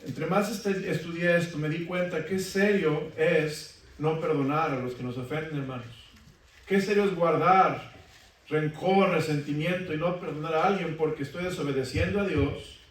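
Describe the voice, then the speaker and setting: A man's voice: on the high side, moderate pace. A male pastor preaching a sermon in a church, asking the congregation questions for them to answer back. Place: church sanctuary. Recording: echoey church from far off.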